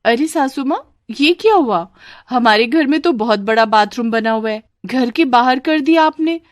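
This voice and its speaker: Cheeky young cartoon bride, voiced by a woman, bright and teasing. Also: a little high, expressive, normal speed, no room sound, studio quality, pitched above the performer's own voice, close to an everyday voice. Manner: cheeky, teasing back-talk. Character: cheeky young newlywed daughter-in-law.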